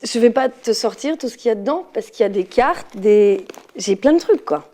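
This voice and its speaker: A woman's voice: a little high, lively intonation, normal speed, warm tone. A woman schoolteacher going through her handbag, amused and laughing at herself. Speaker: schoolteacher being interviewed. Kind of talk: casual talk while emptying her handbag.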